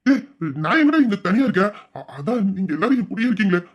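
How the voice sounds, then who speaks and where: Brief: man putting on a soft-spoken loving father in an audio drama, soothing, hesitant, reassuring. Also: high voice, big pitch swings, fast talker, breathy edge, muffled recording, heavily acted. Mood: soothing, fond. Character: gentle, loving older father comforting his son.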